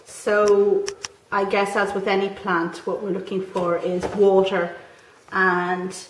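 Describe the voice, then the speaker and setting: A woman's voice: medium pitch, flat delivery, takes it slowly. Woman, gardening host, casual chat, friendly questions, roomy sound, a bit off-mic. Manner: friendly, asks short questions. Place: at home in Ireland. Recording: roomy, slightly distant, faint noise.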